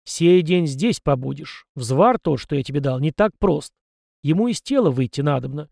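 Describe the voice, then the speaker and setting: A man voicing a gruff old village elder with a stern, teasing, folksy way of speaking. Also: a little high, expressive, moderate pace, a little mellow, no echo, studio quality. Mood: gruff, wry.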